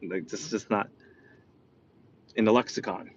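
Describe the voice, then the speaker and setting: A man's voice: on the low side, unhurried. A man from New York with a New York accent, giving a motivational talk full of personal stories and often asking "right?". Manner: animated, repeats "right?". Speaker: motivational speaker. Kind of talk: motivational storytelling. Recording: dull lo-fi sound.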